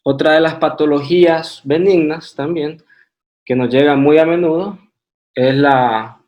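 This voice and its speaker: A man with a Honduran Spanish accent presents a radiology lecture from slides in a somewhat high, slightly mellow voice. He's unhurried and methodical, though hesitant fillers and restarts creep in.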